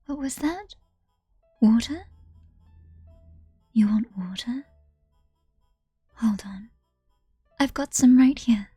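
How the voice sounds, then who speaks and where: A woman's voice: fairly high pitch, slow, pauses often, mellow, slightly rough, no room sound, clean studio sound, faint music behind, full character voice. A woman voicing a cruel, mocking young woman who taunts and laughs, reading a visual novel aloud. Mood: taunting.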